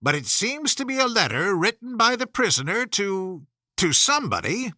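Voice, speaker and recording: Man as nervous storybook rabbit, respectful, fussy, raised sharp voice, animated pitch, courtly herald. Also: normal speed, no echo, studio quality, heavily acted. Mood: eager.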